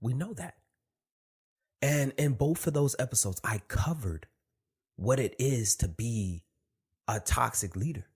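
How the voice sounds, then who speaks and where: A man's voice: mid-range voice, lively intonation, a little slow, pauses often, husky. A man hosting a casual solo podcast, rambling and emphatic, with a slight lisp and thick-tongued speech from a swollen tongue. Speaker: podcast host.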